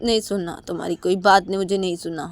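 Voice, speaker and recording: A woman voicing an angry young woman who scolds and taunts her partner with loud, repeated commands. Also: fairly low pitch, steady tone, fast, natural voice. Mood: angry taunting.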